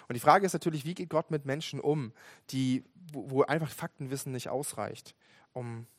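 A young man delivers a sermon in an earnest, conversational tone, often restarting and filling pauses. His voice sits at a middle pitch and is recorded dry and close, with no room around it. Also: no echo. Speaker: preacher.

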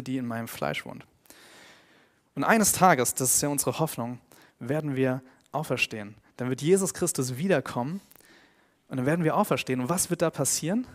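A man preaching a sermon in an earnest tone, growing emphatic on his main points and dropping quiet and slow on key phrases. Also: mid-range voice. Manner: earnest, grows emphatic and louder when stressing points.

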